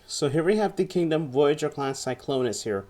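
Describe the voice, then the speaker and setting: This young man's toy review, filmed indoors in a small furnished room at home, is casual and keen, and he often repeats words along the way. He sounds a little high and animated, speaking at normal speed with a darkish tone.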